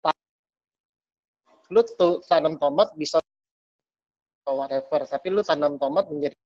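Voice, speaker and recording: A man's voice: on the high side, moderate pace, a little mellow, no room sound, highs cut off. A man giving a casual motivational talk over an online call, his audio choppy and cutting in and out from a bad connection, rambling and restarting his sentences in informal slang.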